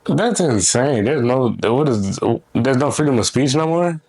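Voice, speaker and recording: A man's voice: mid-range voice, expressive, measured pace, darkish tone, breathy edge. A man co-hosting a podcast in casual chat, laid-back, mostly reacting with short agreeing remarks. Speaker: podcast co-host.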